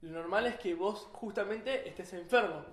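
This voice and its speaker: A man's voice: high-pitched, moderate pace, fairly bright tone. A man with a Rioplatense Spanish accent teaching a Torah class, explaining ideas and asking the students questions. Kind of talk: religious class. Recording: echoey room.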